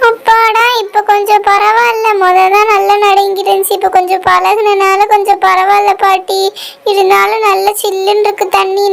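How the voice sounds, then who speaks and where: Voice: extremely high pitch, vocal fry, fairly bright tone, exaggerated voice. A performer voicing a chatty young girl who complains about the cold bath water.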